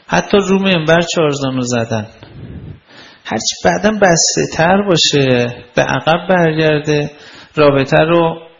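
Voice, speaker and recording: A man's voice: fairly high pitch, gravelly, pauses often, lo-fi sound. A man lecturing on communication skills in a conversational, explanatory way, with anecdotes.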